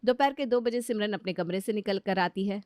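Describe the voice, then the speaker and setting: A woman narrating a household drama story in a plain, even storytelling manner. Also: medium pitch, brisk, no echo, clean studio sound. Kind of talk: scripted narration.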